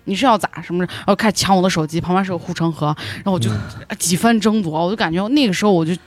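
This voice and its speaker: A woman's voice: fairly low pitch, very fast. A woman animatedly retelling a story in casual chat, laughing now and then. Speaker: podcast guest.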